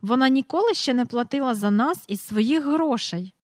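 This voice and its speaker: Woman plays excitable young boy, pleading, high and bright, storybook. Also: moderate pace, no room sound, studio quality. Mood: worried. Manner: eager, pleading, impatient.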